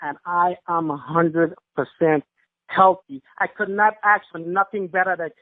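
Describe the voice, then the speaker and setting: A man with a notably high voice speaks with fervent, almost preacher-like emphasis, giving an emotional testimonial. The sound is a tinny, dry phone line with no room around it. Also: steady tone, a little slow, no echo. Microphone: telephone.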